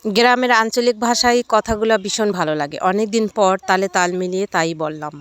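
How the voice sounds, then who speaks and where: A woman's voice: medium pitch, brisk, clean tone. A woman narrating a village vlog to her viewers in a chatty, explaining way. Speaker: vlogger. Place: village fields outdoors.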